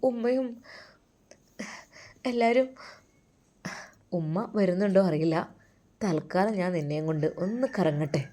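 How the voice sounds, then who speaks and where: A woman voicing a gentle caring young husband. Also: lowish voice, expressive, measured pace, long pauses.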